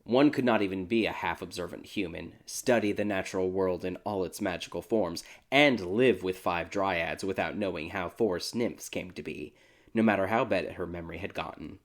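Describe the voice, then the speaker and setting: A man with a low voice reads a dark fairy tale aloud. His narration is scripted, measured and steady, and he keeps an even storyteller's pace.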